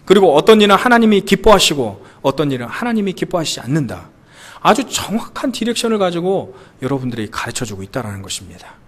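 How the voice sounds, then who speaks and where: Man in his thirties, pastor, lively sermon, rising and falling voice, slightly higher pitch. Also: quick pace. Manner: animated preaching with rhetorical questions to the congregation. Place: church sanctuary.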